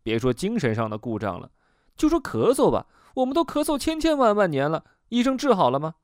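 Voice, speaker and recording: A man's voice: sits high, wildly swooping pitch, fairly quick, no echo, studio quality, voice pushed up. A man doing a bitter young male patient.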